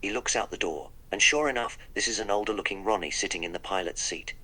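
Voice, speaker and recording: A man's voice: lowish voice, quick pace, sharp tone, low-quality recording. A man voicing the Doctor, a wry, polite eccentric time traveller, in a text-to-speech role-play that narrates his own actions.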